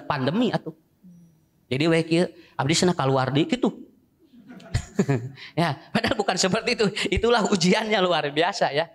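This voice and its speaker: A man's voice: fairly high pitch, a bit bright. A male Islamic preacher with a Sundanese accent, giving a sermon in a joking, storytelling way that switches between two languages.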